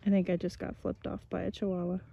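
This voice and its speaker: A woman's voice: lowish voice, flat delivery, fast, creaky, lo-fi sound. A woman chatting casually and folksily into a handheld phone as she works outdoors, narrating what she does. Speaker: homestead vlogger. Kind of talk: casual outdoor vlog chat. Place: outdoors in a rural pasture. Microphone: handheld phone held by the speaker. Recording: noisy outdoor handheld recording, rural background.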